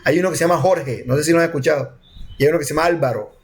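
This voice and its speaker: A man's voice: on the high side, very fast. A man with a Colombian coastal accent, teaching a programming class over a video call in a chatty, joking way. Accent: Colombian coastal Spanish. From Colombian Caribbean coast. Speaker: programming instructor. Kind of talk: online class talk.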